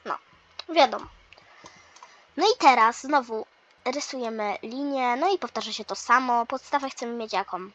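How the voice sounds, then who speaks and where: A woman's voice: fairly high pitch, moderate pace, pauses often, fairly bright tone, dull audio, natural voice. A woman playing a chatty male math teacher. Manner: explains step by step, mildly teasing. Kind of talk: toy role-play lesson.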